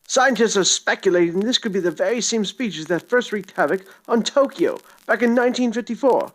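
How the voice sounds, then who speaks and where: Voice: mid-range voice, expressive, fairly quick, close to an everyday voice. Someone doing a frantic old-time newsreader. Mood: urgent. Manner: melodramatic announcer cadence, breathless exclamations. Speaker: mock news announcer in a podcast promo. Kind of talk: retro emergency radio bulletin parody.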